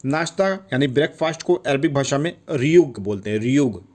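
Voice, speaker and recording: A man's voice: mid-range voice, expressive, moderate pace, a little mellow. Guy teaching words on video, says each one twice, keeps checking in. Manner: repeats each word, checks in with "theek hai". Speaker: language teacher. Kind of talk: casual video lesson.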